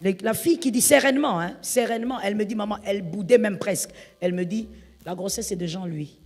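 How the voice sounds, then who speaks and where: Woman, pastor, sermon, storytelling, husky, hushed to loud, echoing hall, soft music behind. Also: mid-range voice, fast talker. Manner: acts out the people in her stories, swinging between hushed and loud.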